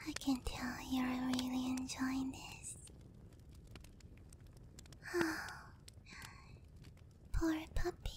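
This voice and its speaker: Close to the microphone, a woman with a high voice whispers softly and breathily in an ASMR roleplay as a giant demon queen who is seductive, doting and gently dominant. She teases and coaxes fondly, though the background is noisy.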